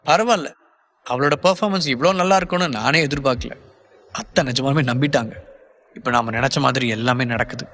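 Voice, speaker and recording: A man's voice: mid-range voice, brisk, a bit bright, big-room sound, lightly acted. A man voicing a gloating, scheming middle-aged father plotting with others, in an audiobook. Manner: gloating, conspiratorial.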